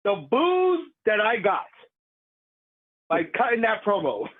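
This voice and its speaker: A man, a professional wrestler, telling stories in a casual interview, lively and laughing as he acts out the crowd's voices. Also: sits high, slow pace, narrow, tinny audio. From Puerto Rican heritage.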